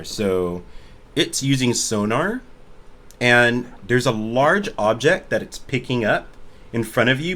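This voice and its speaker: A man narrates a tabletop game over a voice call, his pitch moving up and down in a lively, animated way. He stops and restarts his sentences often, with quick laughs in between. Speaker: game master. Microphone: home computer mic on a voice call.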